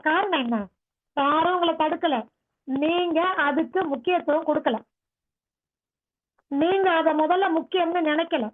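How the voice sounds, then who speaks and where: A woman yoga teacher giving a motivational talk, pressing her listeners with rhetorical questions. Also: very high-pitched. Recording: tinny phone-like sound.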